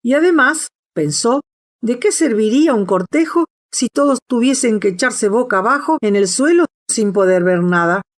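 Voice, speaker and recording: A woman's voice: on the high side, lively intonation, moderate pace. Woman narrating a classic storybook. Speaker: audiobook narrator.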